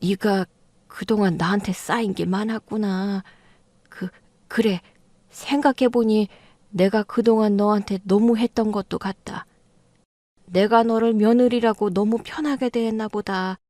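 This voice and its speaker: A woman's voice: medium pitch, steady tone, unhurried, warm tone, no room sound, natural voice. A woman voicing an elderly mother-in-law in an audio drama, defensive and flustered, then pleading. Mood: placating. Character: older mother-in-law, stubborn then backpedaling.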